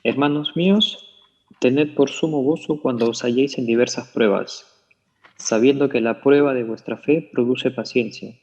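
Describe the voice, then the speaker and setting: A man reading a scripture passage aloud in a steady, formal way. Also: medium pitch, moderate pace, muffled recording.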